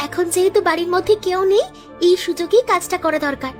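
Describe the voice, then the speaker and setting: A woman's voice: very high-pitched, soft background music. A woman voicing a sly, bossy village woman in a cartoon, plotting and hurrying her partner along. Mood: scheming. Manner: conniving, bossy, quick. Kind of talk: cartoon dubbing.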